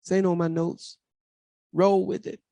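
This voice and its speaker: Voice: mid-range voice, little pitch movement, measured pace, mellow, no echo. A pastor preaching a sermon, building emphasis through rhetorical questions and repeated phrases. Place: church.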